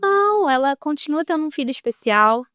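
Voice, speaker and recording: A woman working as a building manager, a guest on an interview podcast, telling a story in an animated, lively way. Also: sits high, a little fast, no echo, studio quality.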